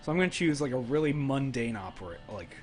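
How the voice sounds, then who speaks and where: A man's voice: medium pitch, sing-song, quick pace, darkish tone, soft background music. A man on a live stream reading a dating sim game's text aloud, joking and playful. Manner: joking, playful, breaks into laughter. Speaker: streamer and game narrator.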